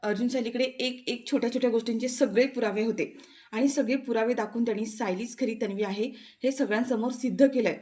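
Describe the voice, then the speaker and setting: A woman's voice: a little high, steady tone, fairly quick, a little mellow, natural voice. Woman voicing a nervous defensive young man.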